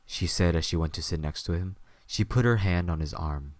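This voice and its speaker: Here a man with a low voice narrates a scripted tale at a slightly quick pace. It's miked closely and sounds dry, with almost no room audible.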